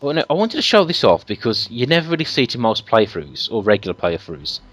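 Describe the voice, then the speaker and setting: A man playing through a game and chatting casually, lively and quick to chuckle, often repeating his words. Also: mid-range voice. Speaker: player narrating a playthrough. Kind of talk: casual gaming chat.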